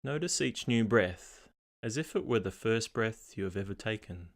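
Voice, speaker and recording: Calm and unhurried, a man with a voice on the low side works through a scripted guided meditation, leaving measured pauses between phrases.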